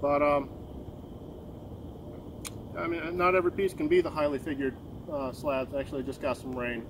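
A man in his thirties hosting a woodworking channel, talking casually outdoors in a sawmill yard, relaxed and rambling, restarting words as he goes. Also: on the high side, moderate pace, noisy background. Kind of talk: casual outdoor workshop commentary.

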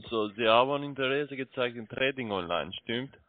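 A man cold caller speaking quiet, broken German. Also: mid-range voice, animated, normal speed. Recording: tinny phone line, far from the mic.

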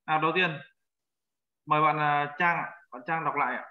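A man leads a language lesson, patient and repetitive as he drills vocabulary. His voice sits a little high. The audio is dull and lo-fi, like an online class call. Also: steady tone. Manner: patient, repeats words slowly for learners. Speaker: teacher.

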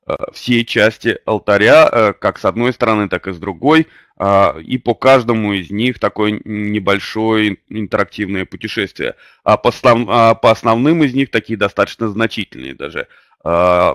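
A man hosting an online webinar, presenting unscripted and pausing often on drawn-out fillers. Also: lowish voice, fairly bright tone, no echo, clean studio sound. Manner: hesitant, many drawn-out fillers. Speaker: webinar host.

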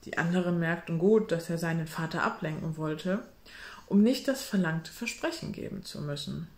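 A woman reading a children's storybook aloud in a steady, clear narrating voice. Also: fairly low pitch, moderate pace. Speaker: reader. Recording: roomy echo.

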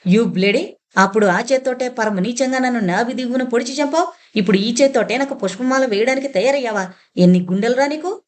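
A woman's voice: on the high side, fairly even intonation, moderate pace, lightly acted. A woman voicing an enraged young army man who believes he is a dead major, roaring and accusing. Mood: furious. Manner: roaring, accusing, shouting in fury.

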